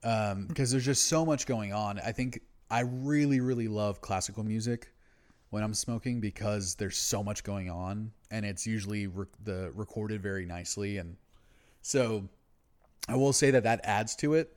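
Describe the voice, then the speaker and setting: A man co-hosting a podcast, casually discussing music in a laid-back, slangy, sweary stoner manner, as someone who is habitually high. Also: moderate pace, a little mellow. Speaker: podcast co-host.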